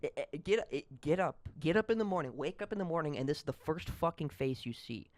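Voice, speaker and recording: A man's voice: on the high side, lively intonation, fast, dry recording. A young man hosting a solo podcast, ranting in a rambling, profane, heated way. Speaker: podcast host. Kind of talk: solo comedic podcast rant.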